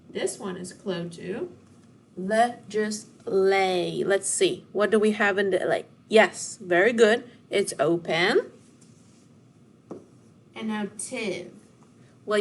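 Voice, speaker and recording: A woman teaching a phonics lesson to children, slowly and clearly splitting words into syllables. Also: mid-range voice, slight background noise. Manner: slow, clear over-enunciation of syllables.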